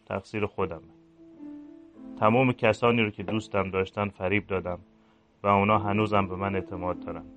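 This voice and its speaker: A man reading aloud the inner confession of a guilt-ridden village priest, in a low, subdued murmur. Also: fairly bright tone, muffled recording, close to an everyday voice.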